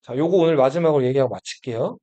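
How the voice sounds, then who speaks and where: A man with a warm, mid-range voice races through a Korean history lesson for students in a study room classroom. He keeps asking the class questions and then answering them himself. The classroom recording is dull and lo-fi.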